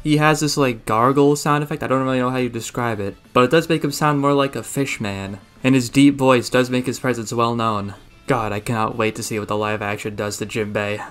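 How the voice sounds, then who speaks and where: A man's voice: medium pitch, fairly even intonation, fairly quick, fairly bright tone, clear, resonant tone, soft background music. A young man narrating a scripted video essay, opinionated and enthusiastic. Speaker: video reviewer.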